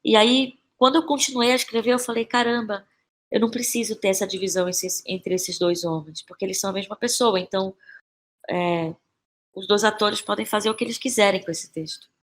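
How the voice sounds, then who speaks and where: A Brazilian Portuguese–accented woman, a playwright and actress, talks about her creative work as a podcast guest in a medium-pitched, fairly even voice. She's casual and reflective, halting as she searches for words, repeating phrases and tossing in frequent tag questions.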